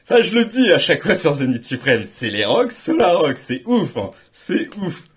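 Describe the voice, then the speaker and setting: A young man hosting a card-opening video, giving excited, slangy commentary and exclaiming loudly at every good pull. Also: on the high side, normal speed, breathy edge. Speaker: card collector and channel host.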